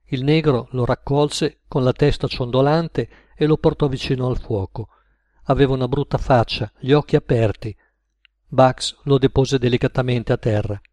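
A man narrates an audiobook story in a steady, measured manner, his voice at a medium, mid-range pitch. The recording is dry and close, with no room around it.

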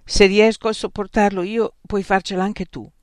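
A narrator voicing Frank, a big lion-hearted woman who booms grandly but quickly turns tearful, in a storybook reading. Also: flat delivery, no room sound, studio quality, lightly acted. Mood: lofty. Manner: pompous, booming.

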